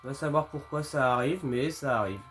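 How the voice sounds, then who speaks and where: A man's voice: medium pitch, fairly quick, fairly bright tone. A man giving casual commentary on a horror game, reacting in a jittery, exasperated gamer way with mild swearing. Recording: music playing behind the voice. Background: game music.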